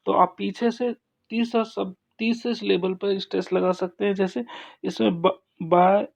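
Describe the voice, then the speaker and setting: A man teaching an English grammar lesson, explaining slowly with frequent pauses and restarts. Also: high voice, level tone, creaky. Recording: dull lo-fi sound.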